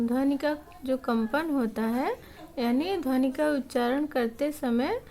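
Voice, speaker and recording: Slow, high-voiced woman teaching grammar. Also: darkish tone, a little hiss or hum. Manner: patient, repeats points step by step. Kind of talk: Hindi grammar lesson.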